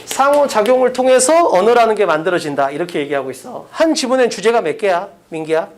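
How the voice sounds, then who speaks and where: A man lectures his class with a pitch that swings up and down. He talks bluntly and casually, calling on students by name to quiz them. The sound is a classroom lesson. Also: very animated, quick pace, a little hiss or hum. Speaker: English teacher.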